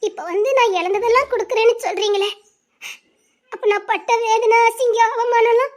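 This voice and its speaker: A woman's voice: extremely high pitch, steady tone, normal speed. An actress with a Tirunelveli Tamil accent playing a hurt grown daughter who tearfully and bitterly rejects her estranged father.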